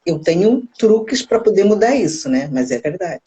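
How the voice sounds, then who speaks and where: A woman co-hosting a live talk show, telling animated stories and laughing often in casual chat. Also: on the low side, normal speed, highs cut off. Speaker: co-host.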